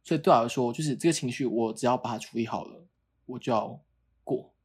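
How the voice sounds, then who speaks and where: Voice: medium pitch, fast talker, husky. A podcast co-host in casual chat, hesitant and repeating words while explaining.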